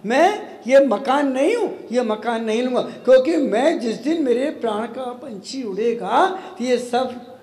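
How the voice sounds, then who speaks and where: A man preaching a sermon in a very high voice, teasing and challenging his listeners with rhetorical questions. He talks at an unhurried pace, and his voice rings out in a large hall with a long, roomy reverb. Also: lively intonation, darkish tone. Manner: challenging, teasing, rhetorical, mixes in English phrases. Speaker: Jain monk preacher.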